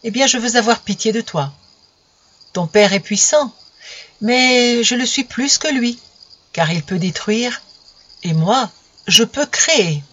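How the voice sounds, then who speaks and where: A woman voicing a radiant, benevolent spirit of life in a storybook reading, slow and solemn, in a dull lo-fi recording. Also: fairly high pitch, a bit bright, dry recording, pitched above the performer's own voice.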